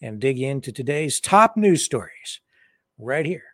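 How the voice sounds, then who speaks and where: A man's voice: medium pitch, very animated, measured pace, a little hiss or hum. A man hosting an online news show, talking casually and sardonically to his viewers. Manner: chatty, sardonic, asides to viewers. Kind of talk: casual opinion commentary.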